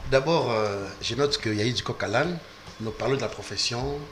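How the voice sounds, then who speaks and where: A man's voice: medium pitch, normal speed, fairly bright tone, slight background noise. Insistent man debating on a panel. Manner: insistent, talks over others, repeats "s'il vous plaît". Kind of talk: heated televised debate.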